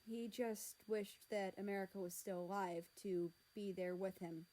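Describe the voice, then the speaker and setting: A woman's voice: medium pitch, steady tone, unhurried, dark tone, rough recording. Young woman reading fan fiction aloud. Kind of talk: casual read-aloud storytelling.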